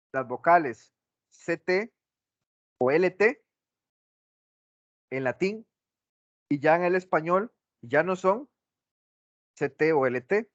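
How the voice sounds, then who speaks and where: A man's voice: on the high side, no echo. A male teacher giving a class lecture, asking the class questions and repeating his examples, on a dull lo-fi recording.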